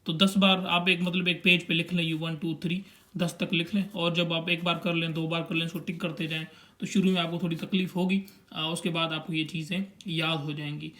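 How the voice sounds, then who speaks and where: A young man with a notably high-pitched voice teaches a language lesson, patient and steady. He points at a chart and sounds out each syllable slowly, one after another.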